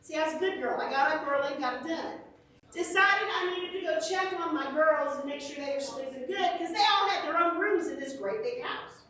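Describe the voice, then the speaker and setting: Animated woman storyteller, very high voice. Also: a little fast. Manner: animated storyteller, shrieks when acting out fright. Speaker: children's church teacher. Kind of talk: storytelling lesson to kids. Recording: echoey church room, from far off the mic.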